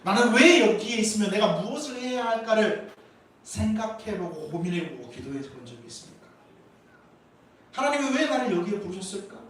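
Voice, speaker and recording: A man's voice: sits high, very animated, brisk. A man preaching a Sunday sermon as pastor, emphatic and full of rhetorical questions, in a church sanctuary. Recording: echoey church hall, from far off, faint noise.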